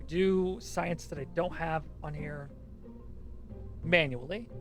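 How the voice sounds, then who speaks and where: A man's voice: fairly high pitch, takes it slowly, a bit bright, faint music behind. A man streaming a game with a co-host, casually talking himself through each step and swearing now and then. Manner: narrates each step under his breath, easygoing and swearing.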